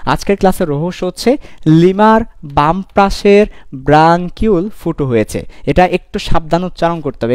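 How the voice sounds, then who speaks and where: A young man gives a live online chemistry lecture, animated, playful and given to repeating his points. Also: a little high, dry recording, clean studio sound. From Bangladesh. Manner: animated, repetitive, playful teasing. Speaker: chemistry teacher.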